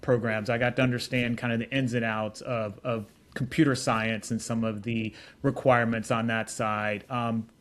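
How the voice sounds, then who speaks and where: A middle-aged tech executive answers interview questions, telling his story casually and affably with frequent restarts. His mid-range voice is flat, at normal speed, with hardly any pauses.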